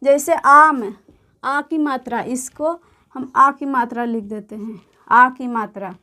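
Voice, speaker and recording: Slow, high-voiced woman teaching letters. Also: fairly even intonation, sharp tone. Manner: patient, repeats words and letter names slowly. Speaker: Urdu teacher. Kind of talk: slow explanatory lesson.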